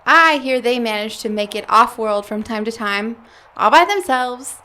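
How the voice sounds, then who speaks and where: In a fairly high, sharp voice with lively intonation and a moderate pace, a woman acts out an audio comedy role. Her character is a flustered female alien graduate student, evasive and squeamish, who fibs, stammers and laughs nervously.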